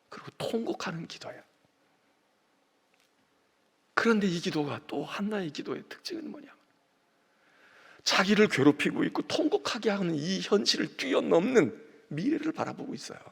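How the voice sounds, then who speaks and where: A middle-aged man preaching a dawn prayer sermon as senior pastor, swinging between loud emphasis and hushed whispers. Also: high-pitched, creaky, breathy edge. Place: church sanctuary. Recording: long church reverb.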